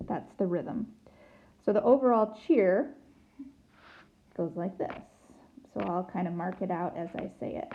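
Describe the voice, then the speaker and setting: A woman teacher walks through a recorded whiteboard lesson in a gravelly, mid-pitched voice, chanting formulas in rhythm. Her asides are dry and teasing. The tablet recording sounds dull and lo-fi, with a faint hiss behind her. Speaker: math teacher. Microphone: tablet mic.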